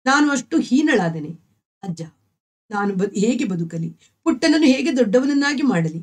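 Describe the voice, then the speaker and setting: A woman voicing a gentle, devout young wife and mother who pleads in sorrow. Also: fairly high pitch, sing-song, moderate pace. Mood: pleading, grieving.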